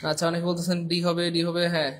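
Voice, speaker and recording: A man's voice: a little high, completely flat delivery, quick pace. A man teaching a live online English class, playful and repetitive, and he acts out little scenes.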